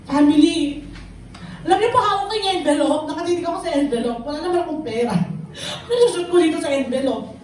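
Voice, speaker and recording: Filipino woman, high voice, earnest church testimony, heavy echo from far off. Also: fast talker, a little hiss or hum. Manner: emotional, earnest, mixing Tagalog and English. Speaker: church member giving testimony. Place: church hall.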